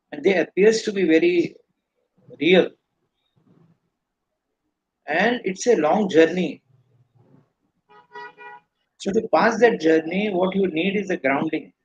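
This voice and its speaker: In a live question-and-answer session, a man with an Indian accent gives earnest, rambling spiritual teaching, restarting his explanations. His voice sits high and husky, and the recording's highs are cut off.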